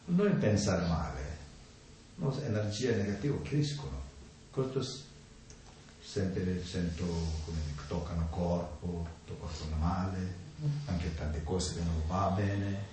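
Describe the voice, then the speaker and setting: A man giving an informal talk on the mind, speaking in halting, simple phrases and often checking in with a questioning "no?" after his points. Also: sits low, mellow. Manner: halting, simple non-native grammar, keeps adding "no?". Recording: echoey room, distant mic, faint noise.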